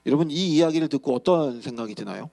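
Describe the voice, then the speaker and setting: A young man, a youth pastor, telling a Bible story in a lively sermon and acting out the characters' lines. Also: fairly high pitch, quick pace, gravelly.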